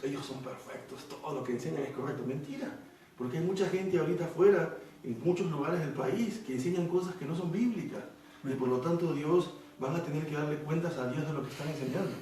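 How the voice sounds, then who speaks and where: A man's voice: on the high side, brisk, mellow, a little hiss or hum. A man preaching a Bible study sermon, explaining verses and checking in with his listeners with frequent rhetorical questions. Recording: echoey room, voice from a distance.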